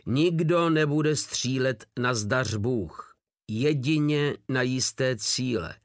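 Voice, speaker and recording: A man's voice: medium pitch, animated, no room sound, clean studio sound, natural voice. A man doing a terse old veteran soldier. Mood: firm. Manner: terse, firm. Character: old male veteran soldier giving orders.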